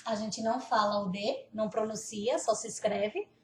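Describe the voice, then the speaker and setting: A woman teaching Norwegian pronunciation, slowly repeating words and laughing now and then. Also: medium pitch, recorded from a distance, background noise. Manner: slow, repeats words carefully, laughs often. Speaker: language teacher. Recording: roomy echo, off-mic.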